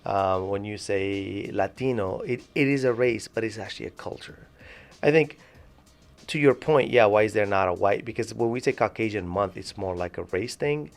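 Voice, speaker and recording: A man from Morocco co-hosting a podcast, talking in a thoughtful, halting way with many restarts. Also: lowish voice, faint music behind. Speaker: podcast co-host. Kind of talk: casual discussion.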